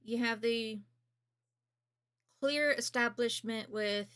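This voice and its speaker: A woman streamer reacts to and reviews a game demo with casual, blunt commentary full of informal, sweary phrasing. Her voice is fairly high and fairly bright, and she takes it slowly.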